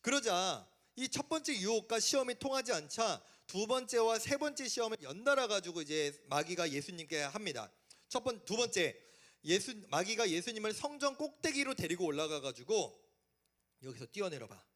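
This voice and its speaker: A young man preaching to a youth congregation as their pastor, animated and asking rhetorical questions. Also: high-pitched, normal speed. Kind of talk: sermon.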